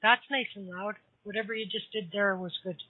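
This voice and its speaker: A woman talking in a brisk, casual, directive way, heard through a phone speaker on a call. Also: mid-range voice, fairly even intonation, no echo. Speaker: call participant helping set up. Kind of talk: casual chat. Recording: tinny phone-line call audio, distant.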